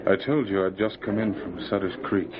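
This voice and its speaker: A man playing a serious, steady Mountie sergeant, measured and authoritative, in a vintage radio adventure. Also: low-pitched, natural voice. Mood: grim. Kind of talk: old-time radio adventure acting. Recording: noisy, narrow old radio recording.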